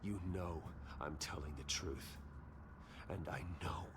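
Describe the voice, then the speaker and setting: A man's voice: extremely low pitch, slow pace, noisy background. A man playing a grim, defiant hero held captive in a video game, challenging his captors with intense moral insistence. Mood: urgent, pleading.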